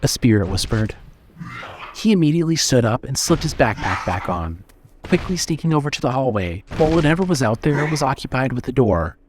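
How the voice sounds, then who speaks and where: A man narrating a horror story in a steady, suspenseful reading style. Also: medium pitch, fairly quick, noisy background.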